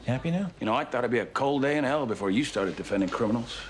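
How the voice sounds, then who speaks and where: An actor playing a gruff, stubborn male police detective in a TV drama, with a blunt, brisk way of talking. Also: mid-range voice, lively intonation, close to an everyday voice. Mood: exasperated. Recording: clear background noise with clicks.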